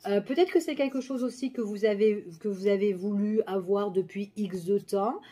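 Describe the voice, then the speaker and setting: Woman, tarot reader, mellow tone, chatty, frequent check-ins. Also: mid-range voice, moderate pace. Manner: chatty, many fillers and checks like "d'accord?". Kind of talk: tarot reading video.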